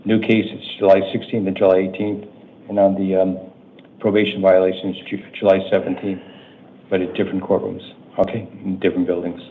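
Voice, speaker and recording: A man presides as judge, delivering routine hearing details in a businesslike, matter-of-fact manner with halting pauses. His voice sits fairly low and barely varies in pitch. The courtroom audio is muffled, with faint noise behind him. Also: flat delivery. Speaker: judge presiding over initial appearance hearings. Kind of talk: procedural court announcements read to defendants.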